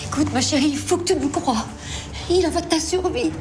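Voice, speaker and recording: A woman's voice: high-pitched, brisk, music in the background, lightly acted. An actress playing an anxious middle-aged mother who pleads with her daughter. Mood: pleading. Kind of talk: docudrama acting.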